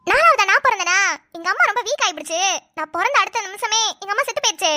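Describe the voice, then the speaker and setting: A blunt young village girl in a cartoon chatters away in a very high, bright voice, as a woman plays her. She rattles along quickly with a rural lilt. Her tone stays sharp and cheerful. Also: lively intonation, exaggerated voice. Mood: chatty.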